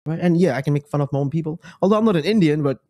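A man's voice: on the high side, very fast, warm tone. A young man from a Bengali background, joking and exclaiming as he comments casually on videos and sites while sharing his screen. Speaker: online business creator.

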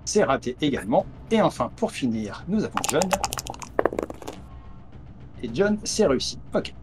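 A man's voice: mid-range voice, big pitch swings, a little slow, over music. A man narrating a tabletop horror game as game master over a video call, with many hesitant fillers. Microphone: headset on a video call.

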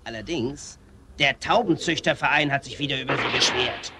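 A man's voice: mid-range voice, moderate pace, lightly acted. A man playing a formal police chief in a cartoon, addressing a subordinate. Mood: official. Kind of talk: animated film dialogue.

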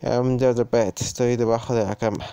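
A man with a Spain Spanish accent playing a text-based game, reading lines in halting English and translating them into Spanish, with casual muttered reactions. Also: medium pitch, fairly even intonation, gravelly, warm tone, clean tone, dry recording. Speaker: gaming YouTuber. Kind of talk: let's play, reading game text aloud.

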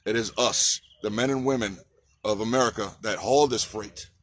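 A man's voice: fairly low pitch, normal speed, slight background noise. A man in his forties giving an impassioned outdoor protest speech, repeating slogans and asking the crowd to answer back, recorded on a phone held at arm's length. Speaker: trucker activist. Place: outdoors on a city sidewalk by a park.

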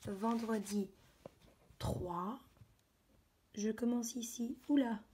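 A woman, teaching young children from her computer at home and slowly sounding out letters and words. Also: fairly high pitch, a little mellow. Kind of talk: remote lesson for young children. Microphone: computer mic.

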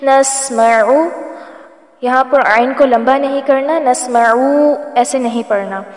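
A woman teaching tajweed, who chants words slowly and melodically and then explains each rule quickly. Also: high voice. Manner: alternates drawn-out melodic recitation with brisk explaining. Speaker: Quran recitation teacher. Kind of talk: tajweed lesson, slow recitation with quick explanations. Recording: echoey room with long reverb and faint music.

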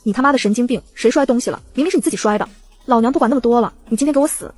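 A woman voicing a desperate, scheming young false heiress in an audiobook, shrill and pleading by turns. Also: very fast, darkish tone, natural voice. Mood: furious.

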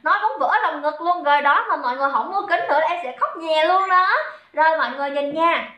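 Young saigon girl selling stuff on a livestream, southern vietnamese accent, high bright voice, chatty and jokey, roomy echo. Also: quick pace. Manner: chatty, greets viewers by name, jokey banter. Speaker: livestream seller. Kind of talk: live sales stream.

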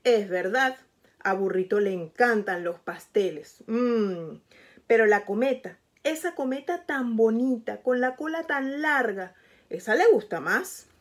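A woman reading a children's picture book aloud in a gentle tone. She turns to the young listener with questions, her voice a little high. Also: animated, a little slow. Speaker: storyteller.

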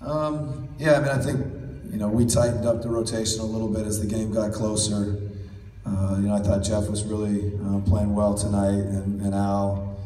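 A middle-aged man, a basketball coach, giving measured postgame press conference answers with many fillers, heard from across a press room. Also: lowish voice. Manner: measured, steady, many "you know" fillers. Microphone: table mic, recorded from far in the audience. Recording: roomy, distant, faint hall noise.

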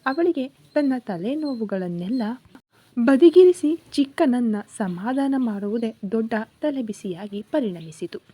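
A woman narrates a romantic story from a script. Her reading is expressive and dramatic. Her voice sits a little high. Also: measured pace, breathy edge.

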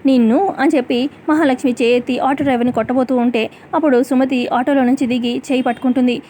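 A woman narrating a TV serial recap in a rapid, chatty storytelling way with repeated fillers. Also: high voice, fairly even intonation, a little mellow, a little hiss or hum.

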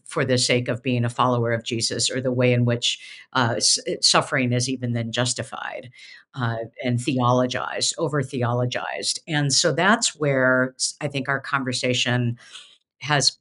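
A middle-aged woman with an extremely low voice speaks at a moderate pace over a video call from her home office. As a seminary professor hosting a casual theological discussion, she's emphatic and animated, often restarting her phrases.

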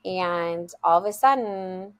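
A woman's voice: lowish voice, slow pace, fairly bright tone, clean tone. A woman guest telling heartfelt stories about her school in a casual interview over a video call. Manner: earnest, heartfelt storytelling.

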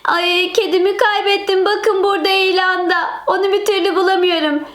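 A woman voicing children in a mobile game role-play with a lively, childlike manner. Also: extremely high pitch, normal speed, reverberant.

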